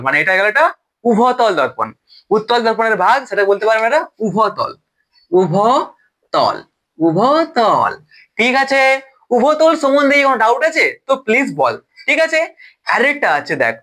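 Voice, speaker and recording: A man with a high voice teaches a science lesson in a loose, conversational way. His tone is bright and keen, and he keeps asking the listener questions and fixing his own slips. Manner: self-correcting, stumbles over terms. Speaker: science tutor. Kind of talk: informal class explanation.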